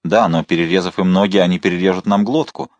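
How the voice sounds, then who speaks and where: A man playing a bold, witty young musketeer officer who talks quickly and confidently, with a mocking edge. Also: sits low, fairly even intonation, no echo, muffled recording.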